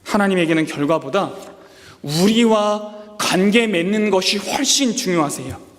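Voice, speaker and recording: Male pastor, high voice, animated sermon delivery, voice ringing through a reverberant sanctuary. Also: unhurried. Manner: animated preaching, acting out God's words with rising pitch. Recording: long hall reverb.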